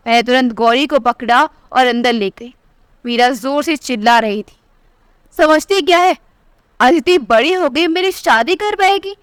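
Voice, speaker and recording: A woman narrating a family story in the first person as a storyteller, reading every character's lines in her own voice and lifting her pitch for the quoted speech. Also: clean tone, no room sound, clean studio sound. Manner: reads all the dialogue in one voice, pitch rising for quoted lines.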